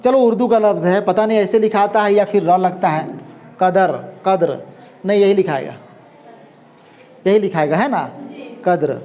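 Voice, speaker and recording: Speaking at a moderate pace with frequent pauses, a male Urdu teacher repeats every word and keeps checking whether his students are following. His voice is high-pitched with a darkish tone, captured in lo-fi sound.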